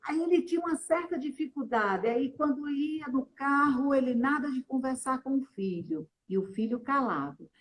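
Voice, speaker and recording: A woman's voice: high voice, expressive, normal speed, hardly any pauses, low-quality recording. Earnest woman telling a story. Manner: earnest, often ends phrases with a questioning tag. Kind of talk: storytelling testimony.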